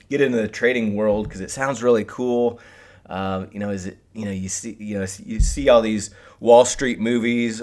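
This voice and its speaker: Male live-stream host, lower-pitched, casual instructor talking straight to viewers. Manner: addresses viewers directly. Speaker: host of a live trading webcast.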